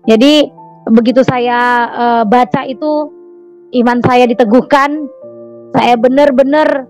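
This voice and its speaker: A woman giving a personal testimony to a congregation in an earnest, repetitive way, often pausing on "eh" and "gitu". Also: fairly high pitch, steady tone, darkish tone, faint music behind, rough recording.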